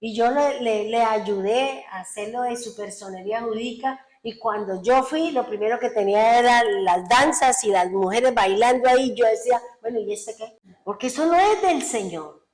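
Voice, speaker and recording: A woman's voice: a little high, normal speed, hardly any pauses, a little mellow, roomy sound, poor audio. A woman pastor, preaching a sermon in an earnest, exhorting way.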